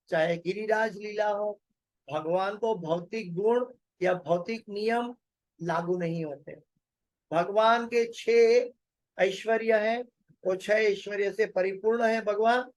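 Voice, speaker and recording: Slow, high-voiced man lecturing scripture. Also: darkish tone, no room sound, low-quality recording. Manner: slow explaining with fillers and repeated phrases. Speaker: Bhagavatam lecturer.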